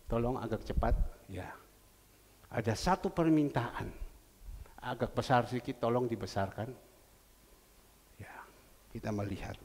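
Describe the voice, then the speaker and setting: A male pastor preaching a sermon, telling stories with big swings from loud cries to hushed whispers. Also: mid-range voice, unhurried, pauses often, big-room sound, a little hiss or hum. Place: church sanctuary.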